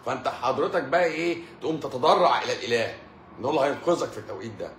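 A man's voice: mid-range voice, lively intonation, very fast, a bit bright, roomy sound, slight background noise. A middle-aged man with an Egyptian Arabic accent, a doctor chatting casually with live-stream viewers, telling jokey stories and laughing often. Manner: joking storyteller, laughs often.

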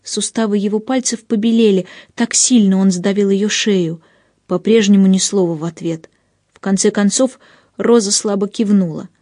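A woman narrates a storybook in the first person with expressive pacing. Her voice is mellow and warm-toned, recorded dry and close to the mic. Her pitch sits in a middle range. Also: normal speed, dry recording. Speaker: audiobook narrator. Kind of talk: scripted audiobook narration.

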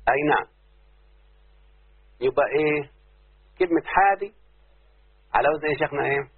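In a lesson on word forms, a man with an Egyptian Arabic accent quizzes his students nonstop, repeating his questions. His voice is a little high and slightly rough, and he talks a little fast, recorded tinny and lo-fi, phone-like.

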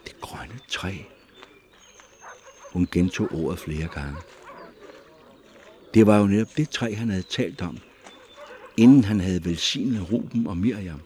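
Deep-voiced male audiobook narrator. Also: a little hiss or hum. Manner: measured, expressive storytelling.

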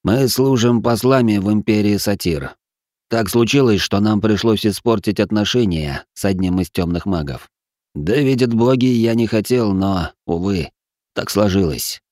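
A man's voice: fairly low pitch, moderate pace, darkish tone, no echo, studio quality, natural voice. A man voicing a tense, grim nobleman who talks through clenched teeth, in an audiobook reading.

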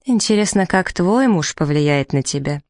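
A woman's voice: lowish voice, moderate pace, a little mellow, dry recording, studio quality, lightly acted. A woman reading the part of a playful, mischievous young woman who teases her sister with ironic remarks. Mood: teasing.

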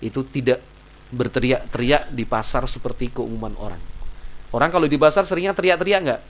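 Man, casual religious lecture, talks like a chat with the audience, faint background hiss. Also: brisk. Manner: conversational, asks the audience rhetorical questions; acts out quoted people with loud, high outbursts. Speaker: Islamic preacher.

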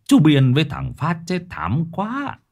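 A man's voice: a little high, huge pitch swings, unhurried, creaky, darkish tone, pitched above the performer's own voice, heavily acted. A man doing an old village elder pleading. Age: older.

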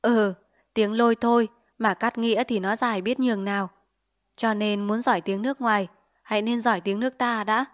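Audiobook mother figure, reproachful and questioning, voiced by the woman narrator, highish tone, dry close recording. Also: fairly even intonation, brisk, dry recording, close to an everyday voice. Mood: agreeing. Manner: questioning, scolding. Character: fussy, reproachful middle-aged mother.

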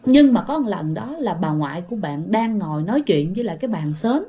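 A woman's voice: mid-range voice, very animated, fast talker, mellow. Chatty Southern Vietnamese woman storyteller. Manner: chatty, often speaks to listeners directly. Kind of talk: casual ghost-story narration.

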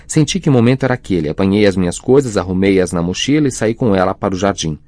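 A man voicing a flustered teenage boy wizard who tells his story in a hurried, defensive way in an audiobook. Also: low-pitched, lively intonation, a little mellow, dry recording. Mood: earnest.

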